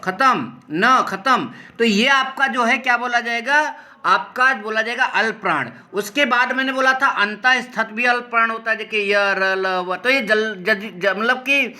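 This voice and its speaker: A man teaching Hindi grammar, explaining step by step, often checking in with the class and slowing down to sound out individual letters. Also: extremely high pitch, bright, forceful tone. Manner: repetitive, checks in with "ठीक है" often. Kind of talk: explaining a lesson over slides.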